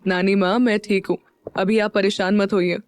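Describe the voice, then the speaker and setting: A woman voicing a guarded young husband who talks softly and tenderly, in an audio story. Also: level tone, moderate pace, no room sound, studio quality, natural voice. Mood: quiet tender. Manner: soft, low-key delivery.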